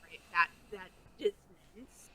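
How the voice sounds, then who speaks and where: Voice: slow pace, rough recording. A co-host of a book podcast talking through the plot casually, checking in with "right?". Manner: animated, questioning with frequent "right?". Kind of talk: casual chat.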